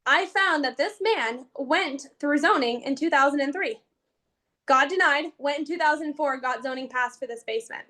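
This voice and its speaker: A woman with a high, light voice, telling a story in quick bursts and voicing each person in it. She is speaking on a video call with colleagues, in a relaxed group chat. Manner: animated storyteller, acts out others' lines. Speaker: real estate investor.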